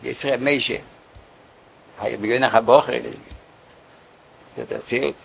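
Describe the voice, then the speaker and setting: Gravelly man telling a story. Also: medium pitch, steady tone, slight background noise, low-quality recording. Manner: halting, repeats words often. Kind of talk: casual storytelling.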